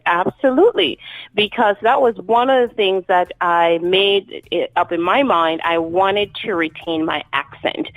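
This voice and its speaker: A woman in her thirties from Jamaica with a Jamaican accent, a guest author giving earnest, measured interview answers. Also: medium pitch, dry recording, poor audio.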